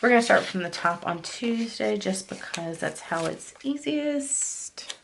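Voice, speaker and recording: A woman's voice: mid-range voice, animated, unhurried, gravelly, background noise. A woman vlogger chatting casually while decorating her planner, rambling and confiding as she drifts off-topic.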